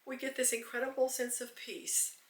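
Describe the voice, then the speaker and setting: Her high voice barely shifts in pitch and keeps a normal pace. Hosting a devotional podcast, she's earnest, teary and almost choking up, repeating phrases for emphasis. A camera caught it from a distance, off-mic, in a room full of echo.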